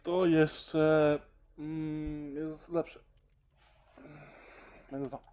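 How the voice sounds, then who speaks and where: A man giving casual gameplay commentary as a let's player, muttering to himself in a halting way. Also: fairly high pitch, level tone, darkish tone, a little hiss or hum.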